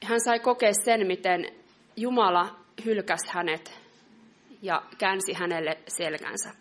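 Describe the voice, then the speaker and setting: A middle-aged woman preaching a sermon in an earnest, measured way, reading scripture slowly. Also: medium pitch.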